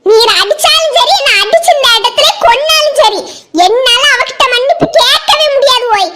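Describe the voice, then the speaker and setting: A performer voicing a wounded, defiant wife in a cartoon family drama, shouting and sobbing as she refuses to back down. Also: very high-pitched, expressive, moderate pace, heavy background noise.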